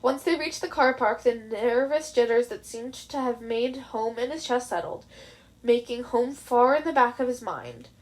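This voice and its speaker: Narrating fan fiction as a hobby reader, a woman with a high voice reads in an expressive, audio-story style at a normal pace.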